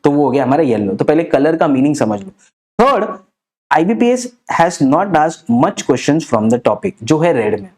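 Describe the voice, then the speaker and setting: A young male tutor walks students through an exam-prep lesson. His voice is mellow and warm, and he mixes Hindi with English. He keeps checking in with quick rhetorical questions. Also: fairly high pitch, very animated. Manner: explains in fast Hindi-English mix, asks rhetorical questions.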